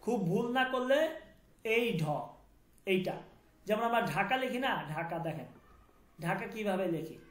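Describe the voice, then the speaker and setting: A man's voice: high voice, lively intonation, normal speed, long pauses, fairly bright tone, reverberant. Man teaching letter sounds. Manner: repeats each sound and asks the class to confirm. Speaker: language teacher.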